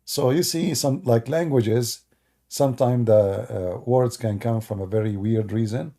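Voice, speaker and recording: A man from the Middle East who speaks Arabic natively streams casually in broken English, his mid-range voice dark in tone and a little slow. He replies to viewers with sarcastic jokes, openly mocking the chat.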